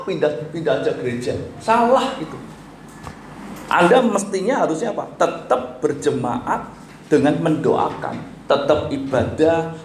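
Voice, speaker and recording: A man with an Indonesian accent preaches a sermon, pressing his points with rhetorical questions. His voice sits somewhat high for a man. The echoey church room carries a faint hiss behind him. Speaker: pastor. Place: church hall.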